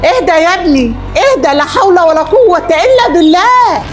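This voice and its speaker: Brief: actress doing a pleading Egyptian mom, middle-aged, very high and fast, music under her. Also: expressive. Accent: Egyptian Arabic. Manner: pleading, repeating herself. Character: worried Egyptian mother, woman, middle-aged, protective. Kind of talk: melodramatic short-film acting. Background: background music.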